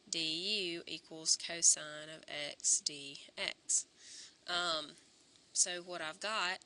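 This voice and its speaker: A woman teaching math at an unhurried pace, her voice on the lower side yet strikingly bright. She is a little hoarse and works through each step aloud. A faint hiss of noise sits under the recording. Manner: talks through steps aloud, self-correcting. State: slightly hoarse, clearing throat. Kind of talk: recorded calculus lesson.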